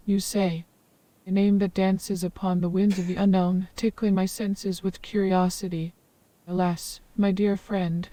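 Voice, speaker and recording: A woman's voice: medium pitch, warm tone, no echo, distant mic, close to an everyday voice. A synthetic woman's voice playing a wise old hermit woman of the forest who speaks in long, ornate, formal sentences.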